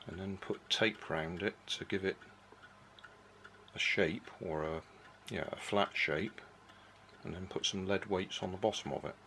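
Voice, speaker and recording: The same kind of kitchen-table hobby build is described by an older man with a low, sharp-toned voice, speaking a little slowly. He walks through each step plainly and at an easy pace, fixing his own mistakes as he goes. A slight hiss or hum sits under the audio.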